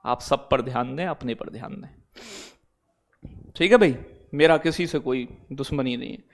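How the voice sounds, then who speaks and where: A man's voice: medium pitch, normal speed. A man from teaching an exam-prep class online, chatty and blunt, calling students "beta" and "bhai" and asking "theek hai?" again and again. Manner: digresses into blunt talk, then back to teaching.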